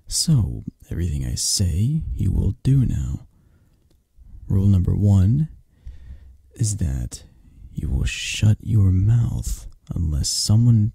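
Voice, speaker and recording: For an ASMR romance roleplay, a man plays a mafia boss boyfriend who is controlling yet protective. His low, husky voice lingers unhurriedly over each phrase as he coaxes and commands softly, close to the listener. It's heavily acted, with no echo.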